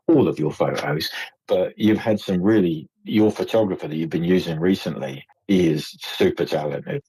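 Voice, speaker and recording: Man, northern English accent, deep, husky, chatty storyteller, dry sound. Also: warm tone, no echo, poor audio. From England. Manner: chatty storyteller, acts out quoted voices, laughs often. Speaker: podcast guest. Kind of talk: casual chat.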